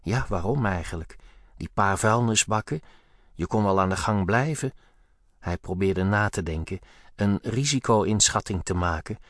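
A man with a fairly low voice reads a grim story aloud in a measured, tense way. The sound is close and dry, with no room around it. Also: a bit bright, dry recording. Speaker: audiobook narrator. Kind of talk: scripted narration.

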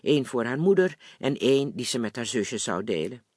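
A man calmly reading a novel chapter aloud in a measured audiobook style. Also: medium pitch, slightly rough, no room sound, studio quality. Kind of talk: audiobook narration.

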